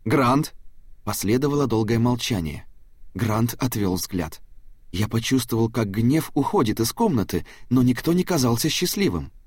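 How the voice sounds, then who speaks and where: A man reading an audiobook in a steady storytelling manner. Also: mid-range voice, normal speed, breathy edge, dry recording, studio quality. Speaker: audiobook narrator. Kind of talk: scripted narration.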